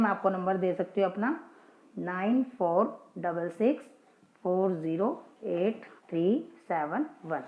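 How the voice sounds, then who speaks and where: A woman teaching Hindi grammar in a casual classroom style, patiently asking questions and answering them herself. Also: medium pitch. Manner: patient, checks in with listeners, asks and answers her own questions. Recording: dull lo-fi, echoey room.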